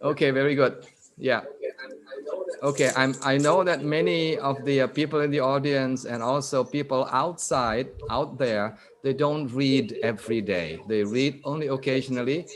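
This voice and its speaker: A man lecturing to a webinar audience over a video call, in a middle-pitched voice. He keeps turning to his listeners with questions. He reads key statements out slowly and repeats them. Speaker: guest lecturer. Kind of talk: interactive online lecture.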